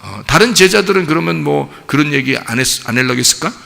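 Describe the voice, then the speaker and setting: A man's voice: fairly high pitch, lively intonation, fast talker, vocal fry, pushed and bright. A male pastor giving a chatty, storytelling sermon, often throwing rhetorical questions to the congregation. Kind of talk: conversational sermon. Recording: long hall reverb.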